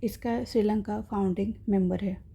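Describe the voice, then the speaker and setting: A woman's voice: medium pitch, steady tone, normal speed, creaky, mellow, breathy edge. A woman teaching an exam-prep lesson, explaining step by step in Hindi with English terms and checking in with her viewers.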